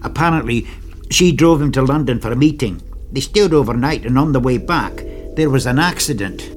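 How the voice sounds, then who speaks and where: A man voicing a young male soldier, halting and hesitant, who repeats words as he breaks hard news. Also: medium pitch, expressive, faint music behind, lightly acted. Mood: earnest.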